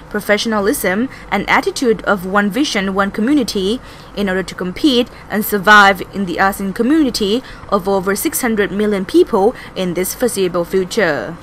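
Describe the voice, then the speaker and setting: A woman's voice: mid-range voice, a bit bright, a little hiss or hum, low-quality recording. A woman with a Thai accent reading scripted news narration as a reporter.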